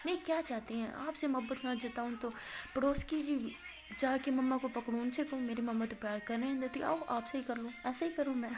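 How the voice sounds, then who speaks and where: A woman's voice: high-pitched, steady tone, close to an everyday voice. Woman voicing sassy teenage college girl. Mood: teasing. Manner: quick, playful, argumentative.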